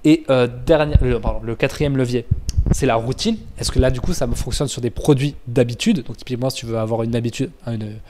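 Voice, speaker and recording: Male trainer, conversational explainer; loose delivery, frequent self-corrections, average pitch. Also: brisk, noisy background. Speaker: business trainer. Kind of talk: casual explanatory lesson.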